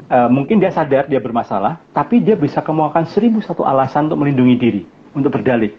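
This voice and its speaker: Man, guest speaker, animated storyteller who acts out quotes, lightly muffled live-stream sound. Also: medium pitch, fast, a little hiss or hum. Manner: animated, acts out quoted people in raised voices, chuckles often. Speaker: guest speaker on family life. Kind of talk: casual talk on an Instagram Live.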